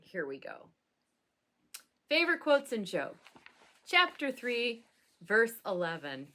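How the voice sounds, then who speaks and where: A woman pastor talking casually to camera in a satirical vlog, with a dry, deadpan sense of humor and occasional laughing asides. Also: on the high side, takes it slowly.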